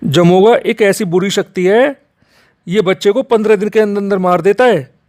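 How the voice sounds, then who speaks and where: A man's voice: high voice, moderate pace, darkish tone, no echo, studio quality, close to an everyday voice. Man voicing a stern village mother-in-law. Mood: stern warning. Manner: scolding, warning.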